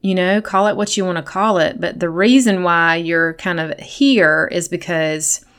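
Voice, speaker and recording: Low-pitched woman, encouraging podcast chat. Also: fairly even intonation, measured pace, fairly bright tone, smooth. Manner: earnest, encouraging, addressing women listeners as friends. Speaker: podcast host and coach. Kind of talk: casual, personal podcast chat.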